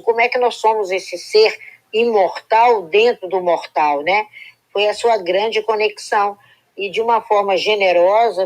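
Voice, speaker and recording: A woman's voice: medium pitch, poor audio. A woman giving a reflective spiritual talk on a live stream, speaking in long flowing sentences and often adding "né" to check in with her listeners. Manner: flowing, reflective, full of "né" tags.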